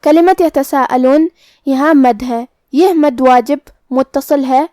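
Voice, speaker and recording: High, smooth-voiced woman teaching recitation. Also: dark tone, no room sound, studio quality. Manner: methodical, precise, reciting verses slowly and carefully. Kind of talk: tajweed lesson, explaining letter by letter.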